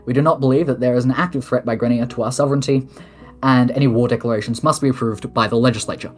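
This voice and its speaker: Faint music sits behind a fast-talking, steady-toned, mid-range voice. It's the head of government of an online role-play nation, reading official statements in a mock-formal address and answering submitted questions with casual asides.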